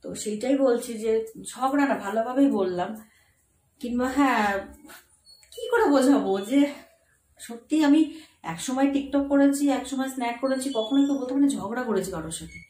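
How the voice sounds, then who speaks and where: A woman's voice: high voice, normal speed, long pauses, a little mellow. A young woman, talking to her viewers in a casual phone vlog from home, earnest and a little repetitive. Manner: earnest, speaks straight to viewers, repeats herself. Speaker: vlogger. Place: room at home. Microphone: phone camera. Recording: roomy echo with faint background hiss.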